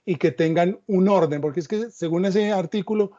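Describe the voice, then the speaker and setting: Here a man with a high-pitched but dark-toned voice speaks at a moderate pace. He is the moderator of an academic panel, musing on the subject and weaving in stories as reflective asides, all captured in dull, lo-fi sound.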